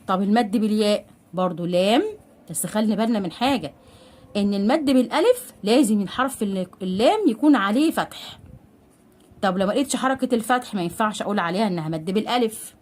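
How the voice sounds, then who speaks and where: An Egyptian woman with a mid-pitched voice leads a reading lesson for beginners. She draws each syllable out slowly for the learners to repeat. She keeps asking small questions and answering them herself. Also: animated, a little mellow. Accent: Egyptian Arabic. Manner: patient, drawn-out sounding out of syllables. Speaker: literacy teacher.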